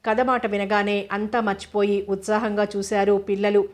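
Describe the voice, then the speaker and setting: Steady woman narrating an audio novel. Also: medium pitch, moderate pace.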